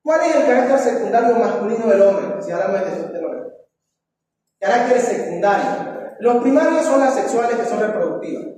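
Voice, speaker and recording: Very high-pitched, warm, animated, and fairly quick, a male teacher reviews a lesson by questioning his class, often tagging lines with "¿no?". His voice carries from a distance through an echoey hall with faint noise.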